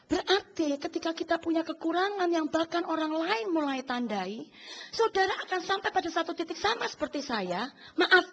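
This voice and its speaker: A woman pastor preaching a lively sermon, often calling out to the congregation and acting out voices. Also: sits high. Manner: animated, addresses congregation often, acts out voices.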